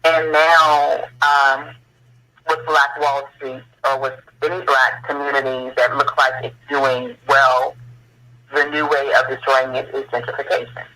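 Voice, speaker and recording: A man's voice: medium pitch, flat delivery, measured pace, bright, forceful tone, slight background noise, low-quality recording. A man speaking as a guest on a radio talk show, telling history in an earnest way that rises to impassioned questions.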